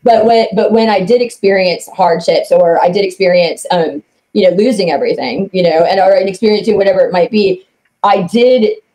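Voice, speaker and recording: A woman podcast co-host with a mellow, dark-toned voice. She speaks casually and emotionally, trailing off and restarting her sentences, peppered with fillers. Her tone is earnest and empathetic. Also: mid-range voice, fairly quick, poor audio.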